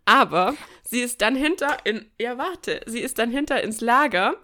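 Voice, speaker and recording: A woman hosting a podcast shares personal stories in a chatty, colloquial style, full of expression and jokes. Her voice is a little high, and she talks at a normal speed.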